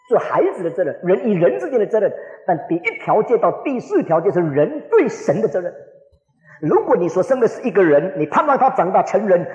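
A man in his forties preaching a sermon, telling stories with lively acted-out quotes, recorded in an echoing hall. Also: high-pitched. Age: 40s. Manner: animated storytelling, acts out quoted voices. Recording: echoey hall with long reverb.

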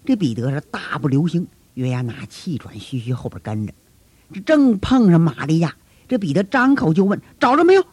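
A man telling a story in a colloquial, animated storytelling style with folksy asides. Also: fairly high pitch, moderate pace, breathy edge, no echo. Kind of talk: traditional storytelling.

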